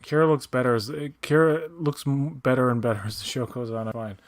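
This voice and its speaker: A man co-hosting a casual watch-along commentary, making wry deadpan jokes and rambling asides. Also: mid-range voice, a little fast. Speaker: co-host.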